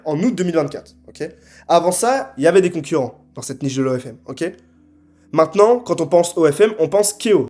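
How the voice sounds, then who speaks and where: A young man giving a scripted sales pitch to camera, assertive and punchy, often tagging his sentences with quick check-ins. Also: a little mellow. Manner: assertive, punchy, frequent tag questions. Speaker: marketing consultant.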